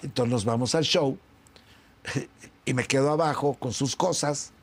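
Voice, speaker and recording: A man's voice: a little slow, husky. A middle-aged man with a Mexican accent, an interview guest who tells an anecdote and acts out the remembered dialogue himself. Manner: acts out both sides of remembered dialogue with big pitch swings. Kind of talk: storytelling in an interview.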